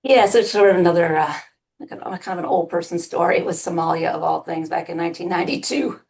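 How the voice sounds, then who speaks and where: A woman's voice: on the low side, quick pace, gravelly, darkish tone. A woman in her sixties, a retired army officer, telling a personal story on a video panel, earnest and full of ums. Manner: earnest, with many ums and restarts. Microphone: video call.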